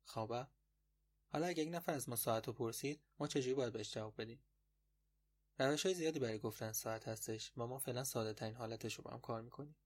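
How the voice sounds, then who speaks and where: A man teaching a podcast language lesson in a patient, explanatory way, repeating words slowly. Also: mid-range voice, slightly rough.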